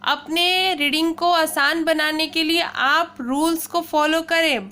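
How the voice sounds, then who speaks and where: A woman's voice: high voice, sharp tone. A woman teaching pronunciation to children, spelling words out letter by letter and often checking in with "okay". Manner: addresses listeners as children; slow, careful explaining. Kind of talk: classroom-style lesson.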